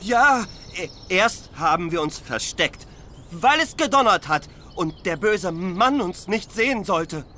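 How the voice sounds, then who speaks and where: A childlike, simple-minded man living in a ruin. He talks slowly and naively, with halting phrases. The voice is high and bright. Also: lively intonation, slight background noise, exaggerated voice. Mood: innocent wonder. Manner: slow, naive, hesitant childlike talk. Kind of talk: video game voice acting.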